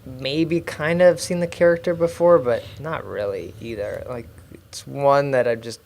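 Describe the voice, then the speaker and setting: A man co-hosting a podcast in a relaxed, chatty style. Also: medium pitch, measured pace, vocal fry. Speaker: podcast co-host. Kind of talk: casual chat.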